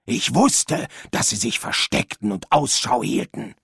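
An actor playing Death, a solemn skeletal figure, in a radio play, with a slow, grave, husky voice. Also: male voice, mid-range voice, sing-song, fairly bright tone, no echo, heavily acted. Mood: proud. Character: Death, a skeletal solemn male being posing as Hogfather. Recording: dry studio recording.

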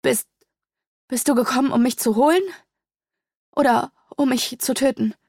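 Woman doing a stammering young princess, frightened, defiant, higher pitch, storybook reading. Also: expressive, moderate pace, no echo, clean studio sound. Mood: accusing. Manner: stammering, pleading. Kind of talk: audiobook character voice.

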